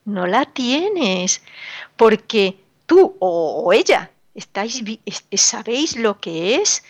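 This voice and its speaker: There's no echo as a woman with a mid-range, sing-song voice takes her time preaching on the radio. The religious radio speaker is admonishing and emphatic, and her sorrowful delivery is full of repeated words and rhetorical questions.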